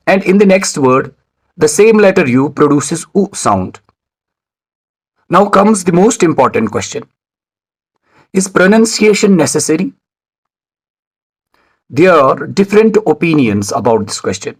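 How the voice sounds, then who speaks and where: Man, English teacher, scripted video lecture, slightly high voice, measured formal delivery, spells words letter by letter. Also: low-quality recording.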